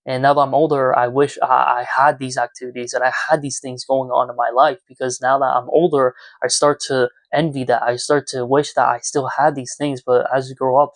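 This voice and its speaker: A twenty-year-old YouTuber talks earnestly and reflectively to viewers in a casual, confessional vlog made indoors in his small room at home. His voice is medium-pitched, with no room sound.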